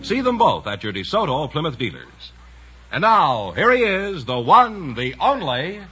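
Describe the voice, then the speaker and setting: A man announces an old radio quiz show in a booming, showy voice that swings widely in pitch. Music plays loudly under him. The sound is dull and muffled, like a 1950s broadcast. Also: big pitch swings, a little slow. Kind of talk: scripted radio announcing with sponsor reads.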